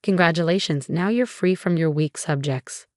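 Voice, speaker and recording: A cold, dismissive storybook mother speaks in curt, belittling lines, read by a woman narrator. The voice is fairly low, and the sound is dry and close. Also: normal speed, darkish tone, no echo, close to an everyday voice. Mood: scornful.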